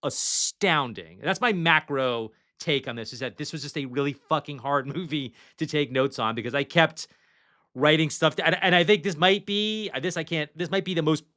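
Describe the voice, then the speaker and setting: Bright-voiced chatty male podcast host. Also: on the high side, moderate pace. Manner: chatty, reads trivia off notes, casual swearing. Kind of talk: casual movie podcast chat.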